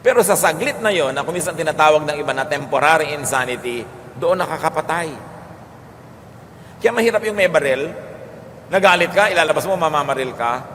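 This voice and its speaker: A man with a Filipino accent giving a calm teaching sermon, moving between Tagalog and English. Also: a little high, a little fast. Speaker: preacher. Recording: long hall reverb with faint noise.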